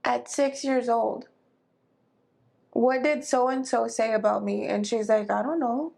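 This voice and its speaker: A woman in her thirties with a slightly high voice co-hosts a relaxed podcast. She speaks in an easygoing, agreeable way, full of casual fillers. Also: unhurried, creaky. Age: 30s. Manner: easygoing, agreeable, lots of likes. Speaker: podcast co-host. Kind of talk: casual chat.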